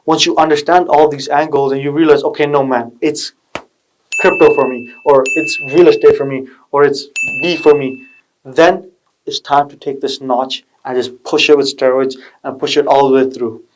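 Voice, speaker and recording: A man's voice: medium pitch, steady tone, normal speed, noisy background. A man hosting a video channel, giving a casual motivational explainer in a slangy, pushy tech-bro manner. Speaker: video channel host giving investment advice.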